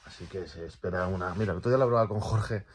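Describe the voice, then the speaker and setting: A man's voice: sits low, racing, a little hiss or hum. A man rambling casually through a personal vlog, repeating words and swearing freely, in pain from a torn calf. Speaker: vlogger.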